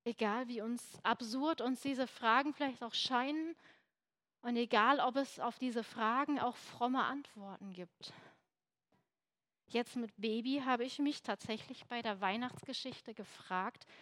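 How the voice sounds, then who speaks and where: A woman's voice: on the high side, fairly bright tone, no echo. A young woman giving an earnest, emphatic sermon, at times dropping to a near whisper for emphasis. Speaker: preacher.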